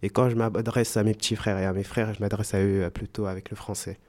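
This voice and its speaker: A man of Guinean family speaking hesitantly about his home language, pausing often. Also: fairly low pitch, little pitch movement, a little mellow. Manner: hesitant, many pauses and fillers. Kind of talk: personal testimony.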